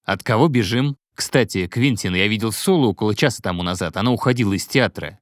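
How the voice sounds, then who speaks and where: A man's voice: lowish voice, fast talker, no room sound, studio quality, lightly acted. A male reader voicing an easygoing, chatty young man with a light, offhand manner.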